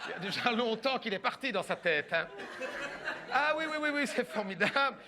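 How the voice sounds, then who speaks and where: A man's voice: very high-pitched, expressive, fairly quick, heavy background noise. A man performing a stand-up comedy routine, telling a story and acting out the people in it with shifts of voice.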